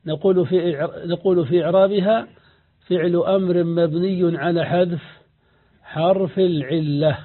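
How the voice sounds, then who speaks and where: A man's voice: sits high, steady tone, normal speed. A man teaching an Arabic grammar lesson, patiently explaining rules, repeating key points and asking the class questions. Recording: tinny phone-like lo-fi recording.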